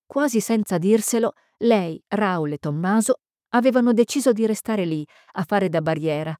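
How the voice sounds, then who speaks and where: A woman narrating a mystery novel in a measured, suspenseful reading. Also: mid-range voice, animated, mellow, no room sound, clean studio sound. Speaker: audiobook narrator. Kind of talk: scripted narration.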